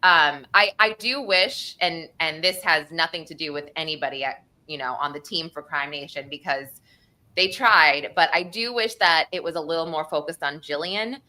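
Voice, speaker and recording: A woman from the Northeastern United States, speaking with an American accent, co-hosts a casual true crime discussion in a chatty, informal way. Her voice is low and sharp, at a normal speed.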